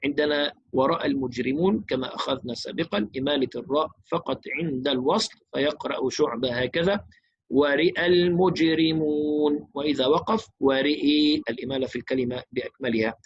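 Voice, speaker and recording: A man teaching Quran recitation, explaining rules briskly and chanting verses slowly and melodically. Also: medium pitch, dull audio, slight background noise.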